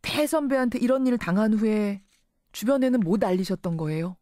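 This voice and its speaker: A woman's voice: mid-range voice, expressive, a little fast, dark tone, no room sound. A woman hosting a radio news interview, articulate, restating what she hears as questions. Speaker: radio news show host.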